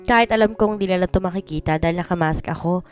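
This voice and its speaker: A woman reading a first-person story in scripted narration, in one even voice, code-switching between Tagalog and English. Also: on the low side, fast, clear, resonant tone. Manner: reads every part in one plain voice, mixing Tagalog and English. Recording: voice over soft background music.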